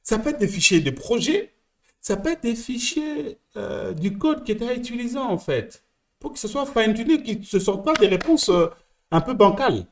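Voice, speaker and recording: Lively French coach at a whiteboard. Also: male voice, high-pitched, moderate pace. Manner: animated, talks to one listener as "tu", many restarts. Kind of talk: explaining at a whiteboard.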